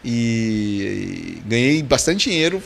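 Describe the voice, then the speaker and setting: A man's voice: mid-range voice, sing-song, slow pace, vocal fry. A man with a Brazilian Portuguese accent, a podcast guest telling casual stories, acting out the dialogue and laughing often. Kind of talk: casual storytelling in a podcast interview.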